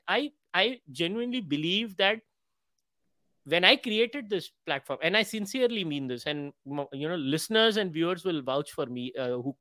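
A man's voice: fairly high pitch, sharp tone, dry recording. A man hosting a podcast, talking conversationally and emphatically, candidly slipping between English and Hindi. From India. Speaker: podcast host. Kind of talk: conversational interview talk.

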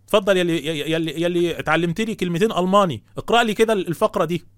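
An Egyptian man with a high voice delivers indignant religious commentary at a rapid clip. He scolds his listeners with rhetorical questions. The sound is dry and close. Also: no room sound. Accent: Egyptian Arabic. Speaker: host taking calls.

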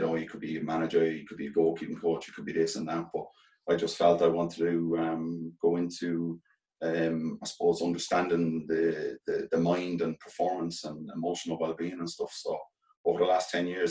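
A middle-aged man with a Galway accent from the west of Ireland, speaking earnestly and haltingly as an interview guest. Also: low-pitched, darkish tone, distant mic. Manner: earnest, halting, repeats phrases as they think aloud. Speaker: interview guest, former professional footballer turned coach. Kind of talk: reflective interview talk. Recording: echoey room, off from the mic.

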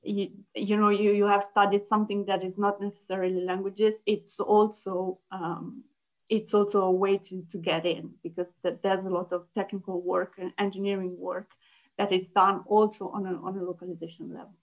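A young Italian woman, a native Italian speaker working as a localization project manager, answers interview questions as a guest. She is thoughtful and halting, restarting sentences often and laughing lightly, in a level, mid-pitched voice. The audio is lo-fi call sound, slightly muffled.

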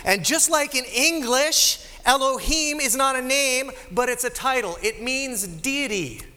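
Preaching a live sermon from the pulpit, a pastor with a nasal, high-pitched voice speaks in a lively, conversational way, full of asides to the congregation. The big church sanctuary adds long reverb.

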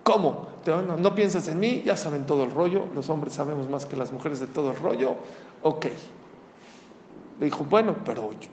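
Rabbi guy preaching, lively storytelling, long hall reverb, faint noise. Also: fairly high pitch, normal speed. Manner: animated, conversational, asks the audience. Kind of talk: sermon with storytelling.

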